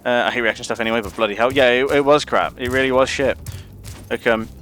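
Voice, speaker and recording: A man's voice: medium pitch, fairly even intonation, fast, a bit bright. A man ranting casually and profanely on a gaming livestream, rambling with lots of restarts. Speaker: gaming streamer.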